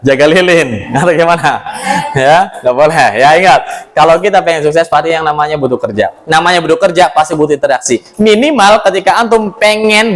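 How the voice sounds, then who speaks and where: A man teaching a class in a somewhat high voice. He is lively and keeps throwing questions at his students. He peppers his lesson with religious exclamations and gentle jokes. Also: poor audio.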